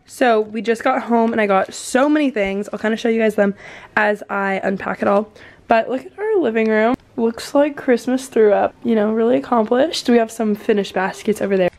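Bubbly young American sorority girl with vocal fry. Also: a little high, normal speed, a little mellow. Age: young adult. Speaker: student vlogger, sorority member. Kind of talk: casual vlog chat. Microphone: handheld camera at arm's length. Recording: faint to clear background noise, handheld camera.

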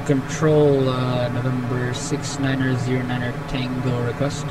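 A man calling air traffic control as a pilot over his cockpit headset radio, halting with frequent fillers as he reads back clearances. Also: mid-range voice. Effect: pilot's radio transmission from the cockpit headset. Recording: distant radio with steady engine noise.

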